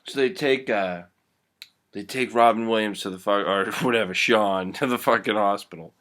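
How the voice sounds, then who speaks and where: Man vlogger, bright tense voice, crude rambling storyteller at home. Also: lowish voice, normal speed. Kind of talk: casual movie retelling.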